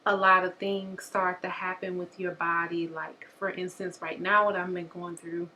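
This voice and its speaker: Bright-voiced chatty woman vlogger. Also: on the low side, flat delivery, normal speed, slight background noise. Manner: chatty, candid, addresses viewers as y'all. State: short of breath. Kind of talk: casual chat to camera.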